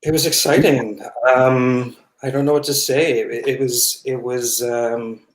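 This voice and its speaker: Slow, hesitant man in an echoey room. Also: mid-range voice, flat delivery. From Halifax, Nova Scotia. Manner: hesitant, halting, full of fillers. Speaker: guest actor. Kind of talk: casual interview chat.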